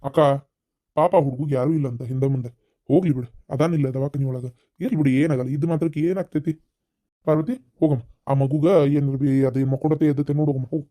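A man voicing a patient father-in-law in a cartoon, with a North Karnataka accent and a calm, soothing way of reasoning. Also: a little high, fast, lightly acted. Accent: North Karnataka Kannada.

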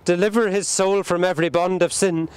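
A man leading a burial service outdoors at a cemetery, reciting the prayers in a solemn, measured way. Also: high-pitched, steady tone, a little mellow, smooth. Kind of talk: liturgical graveside prayer.

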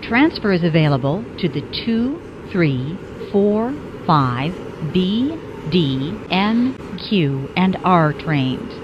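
A woman giving recorded train announcements over a train loudspeaker, with measured, evenly spaced phrasing. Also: lowish voice, big pitch swings, background noise. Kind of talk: automated transit announcements. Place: inside a subway car. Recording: muffled train speaker audio.

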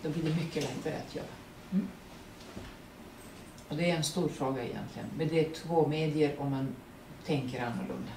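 A woman with a Serbian accent and Serbian as her first language, speaking as the guest at a public artist talk, animated, laughing often and searching for words. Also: low voice. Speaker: guest actress. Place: print workshop event room. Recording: roomy, distant mic, faint noise.

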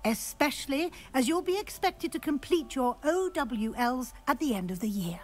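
Expressive older witch professor. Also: sits high, soft background music. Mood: encouraging, firm. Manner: measured, authoritative. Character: brisk, encouraging older female witch professor. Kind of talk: video game dialogue.

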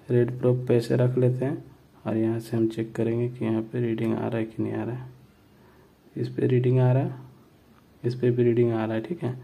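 Guy doing a repair how-to, steady monotone, keeps checking in with viewers. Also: medium pitch, vocal fry, narrow, tinny audio. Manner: plain explanatory, repeats "ठीक है" and "दोस्तों". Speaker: repair tutorial host. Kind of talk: step-by-step repair tutorial.

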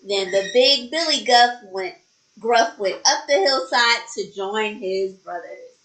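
A woman preschool teacher reading a story aloud expressively to children and explaining a craft activity. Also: mid-range voice. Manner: slow, expressive, talking to children. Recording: roomy echo.

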